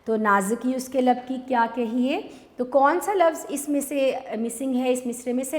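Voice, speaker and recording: A woman teacher from Pakistan giving a recorded online lesson, patiently explaining step by step and asking and answering her own questions. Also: on the high side. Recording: echoey room with long reverb.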